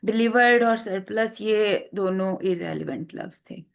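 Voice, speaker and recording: A woman's voice: medium pitch, a little slow, gravelly. A woman teaching exam vocabulary, explaining patiently with frequent fillers and restarts, mixing English terms into her speech. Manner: explains patiently, repeats words, many fillers; mixes English terms into Urdu-Hindi speech.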